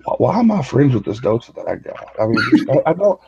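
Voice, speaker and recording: A man's voice: medium pitch, very animated, quick pace, creaky, darkish tone, breathy edge. A man joining a live stream as a guest, teasing and joking with stammered starts. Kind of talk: casual chat. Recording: dull lo-fi call audio.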